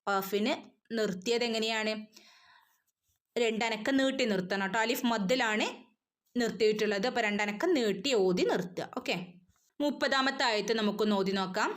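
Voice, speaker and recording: Higher-pitched woman tutor, patient, walks students thru recitation rules online. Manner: patient, explains rules then chants verses slowly. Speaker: Quran recitation teacher. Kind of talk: online tajweed lesson.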